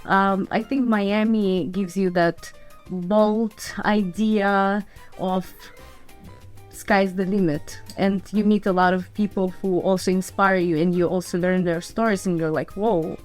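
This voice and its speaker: Soft background music plays as this woman, a fitness entrepreneur from Belarus and Ukraine, relates her story in a relaxed podcast interview. She speaks a little slowly in a mid-range voice with fairly even intonation.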